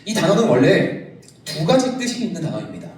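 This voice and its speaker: Lively pastor preaching in an echoey hall. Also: male voice, on the high side, fairly quick, a little hiss or hum. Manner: lively, joking with the congregation. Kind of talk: youth service sermon. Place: large church sanctuary. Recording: echoey church hall, from a distance.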